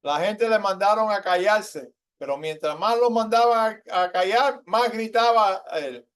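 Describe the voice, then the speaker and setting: Guy preaching in church, high voice, keeps asking the crowd questions, gets louder and higher on the big points. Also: measured pace. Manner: asks the congregation questions, tags lines with ¿verdad?; rises in pitch and volume when stressing a point. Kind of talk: sermon.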